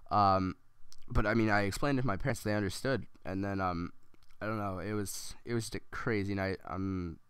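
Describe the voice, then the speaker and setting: Rambling man telling a story, smooth voice. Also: lowish voice, moderate pace, fairly bright tone, no echo. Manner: rambling, full of ums and restarts. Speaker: gameplay commentator. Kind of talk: casual storytelling over gameplay.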